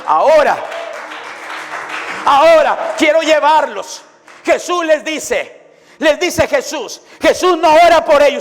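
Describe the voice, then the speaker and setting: A man preaching a fervent sermon as pastor, often shouting and calling out praise. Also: very high voice, big-room sound. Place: church.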